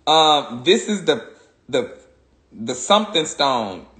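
A man with a high voice and a drawl opening fan mail on a phone livestream, loud and dramatic, dropping to a prayerful murmur between high-pitched outbursts. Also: very animated, takes it slowly, reverberant. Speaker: social media personality. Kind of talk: live-stream fan mail unboxing.

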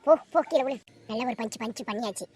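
A woman voicing a sharp-tongued, quarrelsome housewife in a cartoon comedy, scolding loudly. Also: on the high side, fairly even intonation, close to an everyday voice. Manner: fast, scolding, loud.

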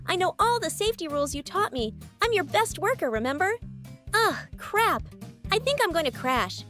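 Anxiety, a woman doing a jittery high-pitched emotion. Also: big pitch swings, normal speed, sharp tone, soft background music, full character voice. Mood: exhausted. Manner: stammering, jittery, flustered. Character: frantic overworked female emotion Anxiety. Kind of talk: fan comic dub.

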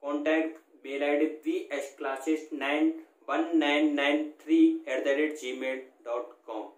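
A man teaching a grammar lesson, asking and answering his own questions and reading example lines slowly. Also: fairly high pitch, flat delivery. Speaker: English teacher. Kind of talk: classroom lesson explaining grammar. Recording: echoey room.

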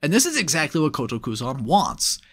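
A man's voice: a little high, wildly swooping pitch, brisk, gravelly, husky. Upbeat man breaking down sumo bouts. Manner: analytical, upbeat, with playful asides. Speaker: sumo commentator. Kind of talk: casual play-by-play video breakdown.

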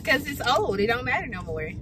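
Young woman, bouncy and animated, quick comebacks, noisy car recording. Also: fairly high pitch. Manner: playful, quick retorts. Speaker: co-host, passenger. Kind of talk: casual chat in a car. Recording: car recording with steady background hiss.

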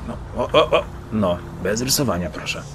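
A man's voice: lowish voice, lively intonation, normal speed, noisy background. A man giving joking, mock-boastful commentary while playing a game. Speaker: gameplay commentator. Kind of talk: gameplay commentary. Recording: loud game sounds of engines and sirens.

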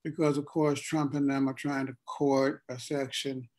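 A man from Ohio hosting a casual political discussion, speaking deliberately and pausing often mid-sentence. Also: mid-range voice, flat delivery, darkish tone. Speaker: host.

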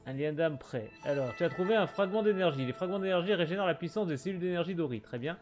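A man's voice: on the high side, lively intonation, quick pace. A man casually commenting on his gameplay, chatting with viewers and reading on-screen text aloud in a muttering way. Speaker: gaming streamer. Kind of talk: casual let's play commentary. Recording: light game music behind.

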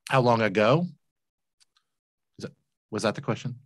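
A man's voice: on the low side, moderate pace, husky, no room sound. Earnest man telling his story. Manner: earnest, emphatic, repeats words when moved. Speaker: guest, laundromat entrepreneur. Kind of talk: interview storytelling. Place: home room, indoors. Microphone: large desk mic with headphones, video call.

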